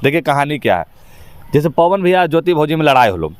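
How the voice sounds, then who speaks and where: Talking fast with big swings in pitch, a Bihari-accented actor emphatically gives his views in an informal interview, using rustic, colloquial language. His voice runs a little high, with no echo in the recording.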